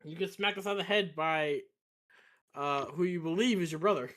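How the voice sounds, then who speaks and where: A man's voice: fairly high pitch, normal speed, a bit bright. A man acting as game master of a casual tabletop game, laughing often and stumbling over restarts.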